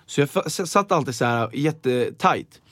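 Mid-range in pitch, a young man chats on a podcast as a guest, animatedly recounting stories and slipping into the voices of the people he quotes. There's no room sound in the recording.

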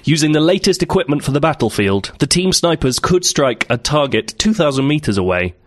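A man's voice: on the high side, very animated, fairly quick, no room sound, studio quality. A man co-hosting a comedy podcast, reading news stories aloud and riffing on them with frequent laughter. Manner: riffing, laughs often, mock-dramatic readings. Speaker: podcast co-host.

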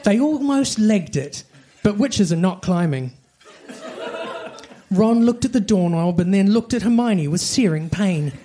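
Reading comic fan fiction as if it were a storybook, this man gives a dramatic performance in a high, expressive, unhurried voice with a dark tone. Faint background noise and clicks can be heard.

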